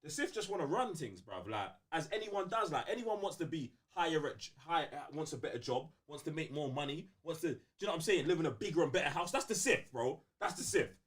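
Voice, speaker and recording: Co-hosting a laid-back fan debate, this man has a London accent and a slightly high voice whose pitch jumps around very energetically. He speaks fast with hardly any pauses, using emphatic slang and often repeating a phrase to hammer the point home.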